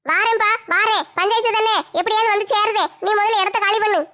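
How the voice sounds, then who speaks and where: A woman acting in a comedy skit, scolding and shouting complaints. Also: very high voice, fairly even intonation, fairly quick.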